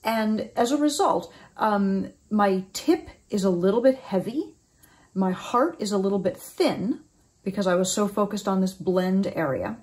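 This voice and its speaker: An oboe teacher in her forties walks through reed making for an instructional video, thoughtful and explanatory, pausing on ums and restarting phrases. Her middle-pitched voice is animated and a little mellow. She sits in a small room at home, facing a desk camera.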